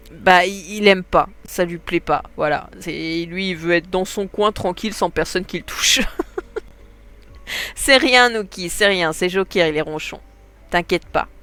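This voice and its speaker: A woman's voice: medium pitch, fairly bright tone. A woman with a stuffy nose giving casual, chatty commentary while gaming, often laughing. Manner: chatty, laughs often, talks to her dogs. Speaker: gaming streamer.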